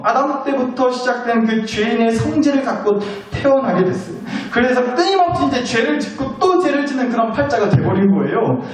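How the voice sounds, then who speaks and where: Animated pastor preaching in an echoey church. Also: male voice, high-pitched. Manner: conversational preaching with rhetorical questions; acts out voices of people in his stories. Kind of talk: Sunday sermon. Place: church sanctuary. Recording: very echoey church hall, mic at a distance.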